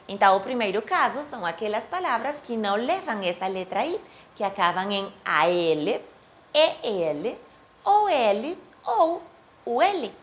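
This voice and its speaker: Professora de português, fala pausada e expressiva. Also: female voice, very animated, slight background noise. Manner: clear, deliberate, says example words slowly with rising and falling pitch. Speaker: Portuguese teacher. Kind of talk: language lesson.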